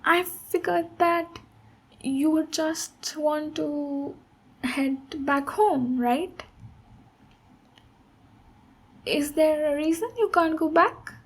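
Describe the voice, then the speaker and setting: An ASMR voice actor, a woman, portrays a large ogre warrior as a gentle and encouraging mentor in a close, intimate fantasy roleplay. Her voice is high and unhurried, lingering over every phrase with a concerned mood.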